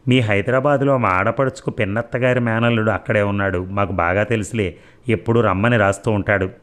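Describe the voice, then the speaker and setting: A man's voice: fairly low pitch, steady tone, fairly quick, a bit bright, close to an everyday voice. A man reading the part of a nosy, blunt older village woman who fires off prying questions in a storybook.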